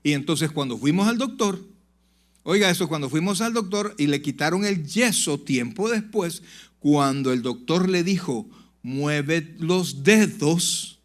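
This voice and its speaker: Emphatic pastor preaching a sermon. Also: male voice. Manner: swings from loud emphatic peaks to low confiding asides; addresses the congregation directly, "brother". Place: church sanctuary.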